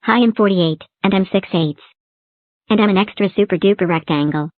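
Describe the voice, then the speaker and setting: Sounding chirpy and sing-song, a woman with a medium-pitched, natural voice brightly voices a bubbly little talking number block for a fan-made cartoon, speaking briskly. The mood is cheery, and the recording is dry and tinny, like a phone, with no room sound.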